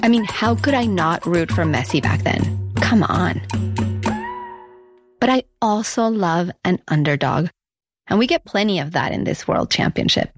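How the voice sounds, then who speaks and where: A woman's voice: on the low side, animated, unhurried, husky. Woman narrating over a music bed. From United States. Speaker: host and narrator. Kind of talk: scripted personal narration.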